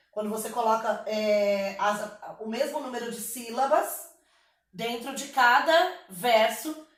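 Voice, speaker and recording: A Brazilian woman teacher giving a recorded lesson, patient and explanatory, checking in with her students often. Her voice sits a little high. It carries a roomy echo and sounds slightly distant from the microphone. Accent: Brazilian Portuguese. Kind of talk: online class lesson.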